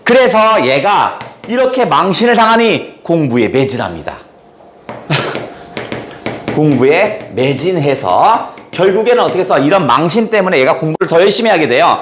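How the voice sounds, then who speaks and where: A man's voice: on the high side, very animated, moderate pace, slight background noise. A man teaching a classroom lesson, retelling a story in a playful, casual way, acting out the quotes and teasing his students. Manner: playful, acts out quotes, teases students with mild swearing.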